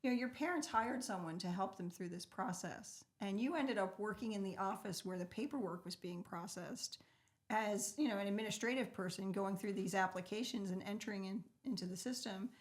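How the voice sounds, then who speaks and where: A woman's voice: medium pitch, brisk. A woman hosting an interview, asking eager follow-up questions and reacting with empathy. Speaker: host. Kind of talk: casual interview conversation.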